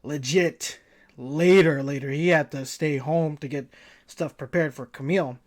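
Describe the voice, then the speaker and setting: A man's voice: on the high side, measured pace. Young male stream host, casual interviewer, chatty and giggly, rambles with lots of filler words.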